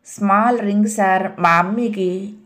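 A nervous, sullen young man mutters his words slowly and low, as a woman reading an audio novel puts him on. The voice stays close to an everyday speaking voice, with a middle pitch. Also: fairly even intonation, a bit bright, lightly acted. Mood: meek. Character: young male terrorist recruit, nervous and sullen.

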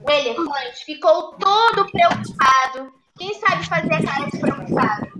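A woman's voice: high-pitched, lively intonation, moderate pace. Coaxing woman teacher reading to children. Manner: coaxing, prompting children to join in. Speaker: preschool teacher. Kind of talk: reading a picture book to children in a live class. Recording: echoey room with clear noise.

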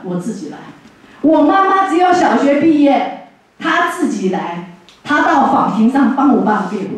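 An older woman from Taiwan with a Taiwanese Mandarin accent, sharing a heartfelt personal testimony as guest speaker at a church fellowship, telling it in an animated way with chuckles. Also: on the high side. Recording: echoey hall from far off.

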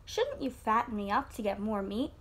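A woman's voice: medium pitch, very animated, normal speed, slightly rough. A woman voicing a clever, cheeky little male piglet in a storybook, sweetly sly with a squealing edge.

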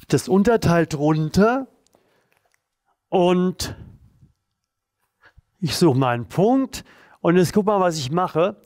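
Calm man coaching a stretch routine. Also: on the high side, no room sound, studio quality. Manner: calm, encouraging, talks while doing the moves. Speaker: therapy coach leading exercises. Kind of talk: guided exercise instruction.

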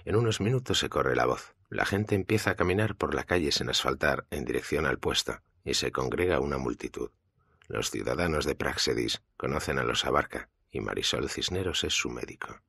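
A man from Spain, with a Spanish accent, reading an audiobook in a steady, measured way. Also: extremely low pitch, creaky, slightly rough, no echo, clean studio sound. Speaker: audiobook narrator. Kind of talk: audiobook narration.

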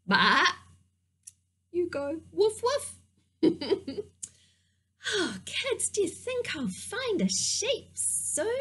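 A woman leads a preschool puppet-show lesson in a playful, sing-song manner. Her voice sits high and swoops widely, and she speaks slowly and gently for small children. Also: gravelly. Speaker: preschool teacher.

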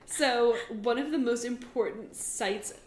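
A woman's voice: on the high side, a little slow, darkish tone. Chatty young woman telling a story. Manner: giggly, loose and chatty, laughs often. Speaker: podcast co-host telling the story. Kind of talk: casual storytelling chat. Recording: roomy recording with faint noise.

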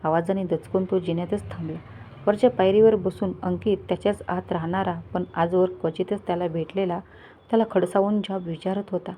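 A woman's voice: fairly low pitch, fairly even intonation, a little fast, warm tone, slight background noise. A woman reading a family story aloud as a scripted narration, voicing the characters' lines herself. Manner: reads all characters' dialogue in a lightly shifted voice.

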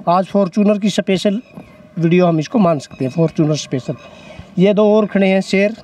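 A man's voice: high voice, normal speed, a little mellow, slight background noise. A man in his thirties hosting a used-car video on an outdoor lot, holding a handheld mic and hyping the prices with emphatic repetition. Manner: salesy, repeats prices with emphasis. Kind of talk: energetic promotional interview.

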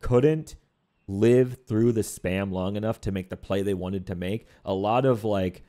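A young man with a lowish voice breaks down the match for a live esports stream. He talks casually, leaning on filler words as he works through his analysis. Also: unhurried, warm tone. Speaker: esports commentator.

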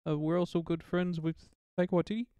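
A person putting on a mock New Zealand accent as a laid-back joking guy, riffing deadpan. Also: medium pitch, fast, clean tone, no room sound, close to an everyday voice.

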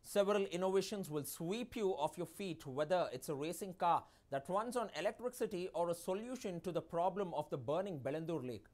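A man reading the news from a studio desk in a crisp, measured way. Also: high voice, lively intonation, a little mellow. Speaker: news anchor.

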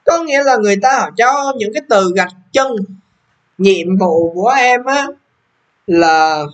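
A man's voice: sits high, lively intonation, measured pace. A young man, walking students through an English exam, repeating question numbers and checking they follow. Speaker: English teacher. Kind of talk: exam walkthrough lesson.

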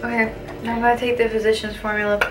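A woman's voice: fairly high pitch, level tone, very fast, very noisy. A young woman talking casually through the makeup products she is putting on. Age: young adult. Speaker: makeup artist guest. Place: small room indoors, seated at a table. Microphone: camera a few feet away. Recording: distant mic, music behind, clinking.

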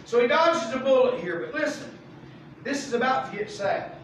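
A pastor leads a Bible study in a folksy, animated way, slipping into voices for the people in the verses. His voice sits high for a man. The recording is boomy with heavy echo, picked up from well back in the sanctuary with a faint hiss. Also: normal speed. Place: church sanctuary. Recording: echoey room mic from far off.

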